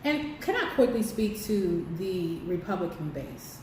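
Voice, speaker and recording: A woman speaks with conviction in a talk-show discussion, driving her points home with emphatic rhetorical questions. Her voice sits at a middle pitch and comes from slightly off-mic. The room around her is strongly echoey, with a faint hiss underneath. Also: very animated, measured pace, darkish tone, recorded from a distance. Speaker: co-host. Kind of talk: impassioned political discussion.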